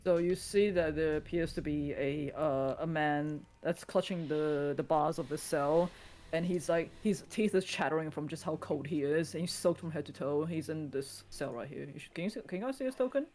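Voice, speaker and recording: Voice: mid-range voice, steady tone, moderate pace, darkish tone. Casual game master narrating a scene.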